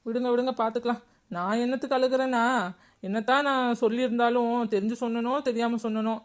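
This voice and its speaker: Woman as young village daughter-in-law, complaining, brisk and a bit high; cartoon. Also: lightly acted. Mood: plaintive. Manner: plaintive and chatty, complaining. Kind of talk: cartoon voice acting.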